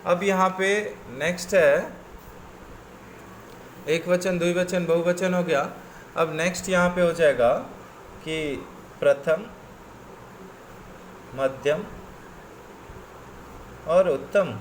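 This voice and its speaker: A man's voice: high voice, steady tone, takes it slowly, long pauses, slight background noise. A man teaching a coaching class, reciting word forms in patient lists and mixing English words into his explanations.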